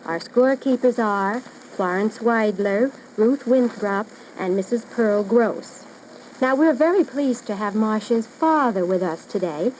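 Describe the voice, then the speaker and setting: A woman with a medium-pitched, slightly mellow voice hosts a children's radio quiz from a studio. As quizmaster, she speaks to her audience formally and chooses her words carefully. The clip is a noisy old radio broadcast recording.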